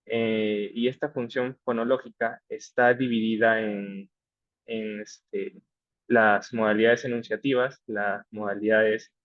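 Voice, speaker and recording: A man's voice: lowish voice, dry recording, dull audio. A young man presenting a class summary for his group, hesitant, with frequent fillers and restarts. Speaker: student presenter.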